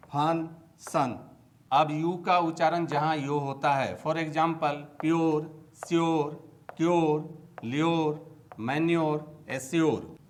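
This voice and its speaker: A man teaching English pronunciation in Hindi, saying each example word slowly and separately, one word at a time. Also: on the high side. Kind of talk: slow, deliberate Hindi lesson, reading out word lists.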